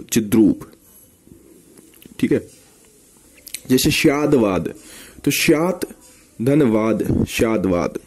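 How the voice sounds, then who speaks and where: A man teaching a grammar lesson for exam preparation, breaking each example word into parts and repeating it slowly with tag questions. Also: mid-range voice, warm tone, husky.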